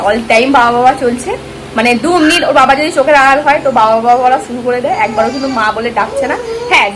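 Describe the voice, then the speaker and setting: A woman's voice: high-pitched, fairly bright tone. A woman vlogger chatting directly to her viewers in a casual way. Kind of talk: casual vlog talk. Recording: noisy background.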